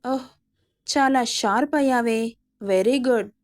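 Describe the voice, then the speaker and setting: A woman's voice: on the high side, measured pace, lightly acted. A woman voicing an arrogant, cruel young husband who taunts and threatens his wife. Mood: sarcastic.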